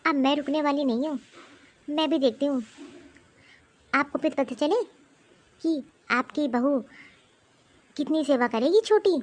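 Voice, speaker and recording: A hardworking elder daughter-in-law in a cartoon, played by a woman. She speaks bluntly and sounds fed up, with a high voice. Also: a little slow, long pauses. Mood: indignant. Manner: complaining, blunt. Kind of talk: cartoon voice acting.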